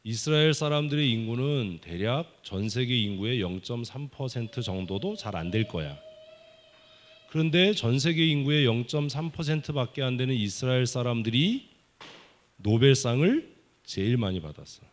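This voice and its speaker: A man's voice: mid-range voice, lively intonation. Guy pastor doing a kids sermon at church, joking around, firing questions at the children. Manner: teasing, quizzing the children with rapid questions. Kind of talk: children's sermon at a summer Bible school service. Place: church sanctuary.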